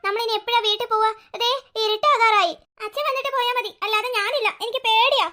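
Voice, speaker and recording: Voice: very high-pitched, fairly even intonation, fast talker, sharp tone. A performer voicing a timid, eager little girl in a cartoon family. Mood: worried.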